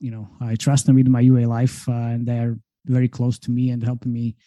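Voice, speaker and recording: A man from Slovakia, a guest marketing consultant, talking casually over a video call from a room at home, relaxed and chatty with frequent fillers and laughs. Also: medium pitch, a little fast, dry recording. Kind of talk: casual interview talk.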